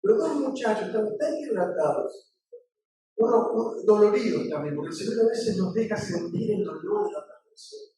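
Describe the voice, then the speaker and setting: A middle-aged male pastor delivers a sermon conversationally, weaving in personal stories. His high, mellow voice is expressive and a little fast, recorded from a distant mic in a very echoey room.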